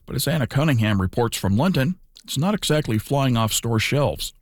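A man's voice: medium pitch, animated, a little fast, dry recording, studio quality. A man reading scripted radio news as the anchor.

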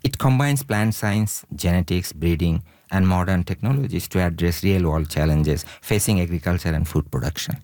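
A man from Bangladesh, a researcher guest on a radio interview, speaking haltingly with many fillers. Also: low voice, a little mellow, no echo, studio quality.

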